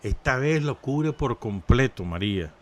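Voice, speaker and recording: A man's voice: mid-range voice, expressive, measured pace. A man with a Nicaraguan Spanish accent, co-hosting a radio show in unscripted current-affairs chat.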